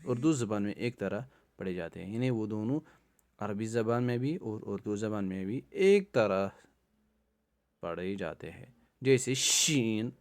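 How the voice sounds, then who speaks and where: A man teaching a recorded lesson on the alphabet and its sounds, explaining each point twice and sounding letters out slowly. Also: lowish voice, expressive, mellow, clean tone. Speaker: Quran teacher.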